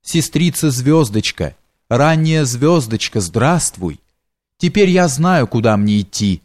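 A man's voice: mid-range voice, lively intonation, slow pace, darkish tone, no echo. A man voicing a frightened, superstitious male servant who stammers and exclaims in fright in a storybook reading.

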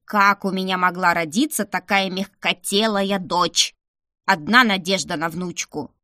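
A woman voicing a stern, sharp-tongued old grandmother who grumbles and scolds, in an audiobook reading. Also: fairly low pitch, fairly even intonation, a little slow, dry recording, studio quality. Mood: scolding.

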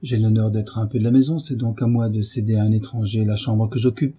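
A man reading aloud, voicing a calm, dignified young tutor who speaks courteously. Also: on the low side, fairly quick, breathy edge.

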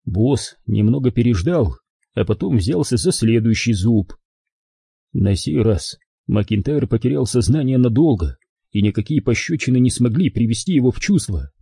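A man's voice: mid-range voice, expressive, moderate pace, vocal fry, mellow, husky, no echo, studio quality. A man narrating a crime audiobook expressively, giving every character his own voice.

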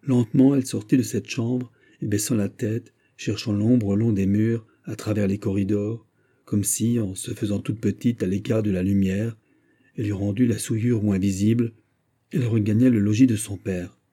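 A man reading a literary story aloud in a measured, steady audiobook narration with a husky voice. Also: fairly low pitch. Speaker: audiobook reader.

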